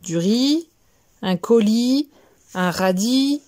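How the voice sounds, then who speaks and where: A kind young schoolboy in a storybook, voiced by a woman reading aloud, friendly and a little mumbling. His voice sits fairly high and moves slowly. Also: expressive, a little mellow.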